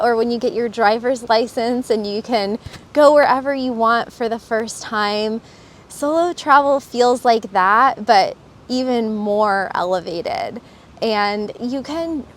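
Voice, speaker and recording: With a fairly high-pitched voice and slight background noise behind her, this Florida travel vlogger speaks with earnest enthusiasm in a casual, reflective outdoor vlog, using some fillers along the way.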